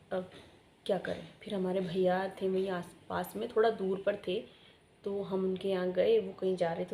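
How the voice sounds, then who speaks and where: A young woman tells a personal story in a loose, rambling way and circles back to repeat her points. Her voice is mellow and soft-toned. Faint noise sits behind her. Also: medium pitch. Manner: chatty, rambling, repeats herself for emphasis. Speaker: vlogger. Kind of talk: casual storytelling.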